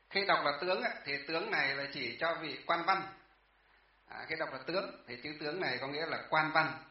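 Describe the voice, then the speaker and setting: A man teaching a class about Chinese characters, patient and repetitive, often asking the class questions. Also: medium pitch. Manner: patient, repeats words, asks the class questions. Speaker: Buddhist teacher. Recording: echoey, distant, dull room sound.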